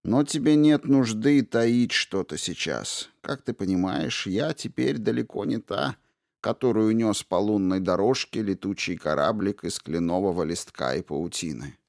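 A man voicing an old witch who was once a fairy queen, bitter and guarded, in a hushed, slow, menacing tone for an audiobook. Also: lowish voice, animated, creaky, dry recording, studio quality. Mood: guarded, weary. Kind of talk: audiobook character reading.

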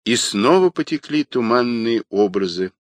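A man narrating an audiobook in an unhurried, expressive reading. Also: mid-range voice, no room sound. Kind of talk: scripted narration.

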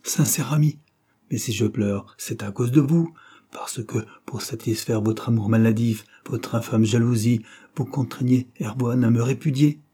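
A man's voice: mid-range voice, steady tone, moderate pace, mellow, breathy edge, natural voice. A man reading aloud, voicing a proud, heartbroken young orphan woman with bitter, tearful reproach. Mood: defiant.

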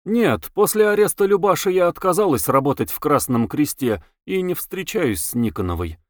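A man's voice: on the high side, normal speed, no room sound, studio quality, pitched above the performer's own voice. A man voicing a young wife who answers in a cool, indifferent way, in an audiobook reading. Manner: flat, indifferent.

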